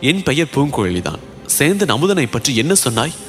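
Male narrator doing a bold, scornful young woman, raised pitch, lively swings. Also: fairly quick, soft background music. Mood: teasing. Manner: teasing, scornful. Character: sharp-tongued bold young woman, mocking.

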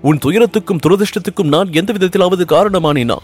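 A man's voice: on the high side, expressive, brisk, husky, faint music behind, pitched above the performer's own voice. A man reading aloud and voicing an anxious young prince in love, speaking earnestly and pleadingly. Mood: anguished. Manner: earnest, pleading, rising with emotion. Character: young Pandya prince, ardent and anxious lover.

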